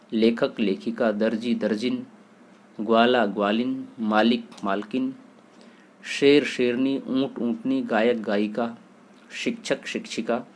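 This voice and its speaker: Male grammar teacher, mid-pitched voice, steady methodical delivery, reciting lists for a video lesson. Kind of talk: video lesson, listing word pairs.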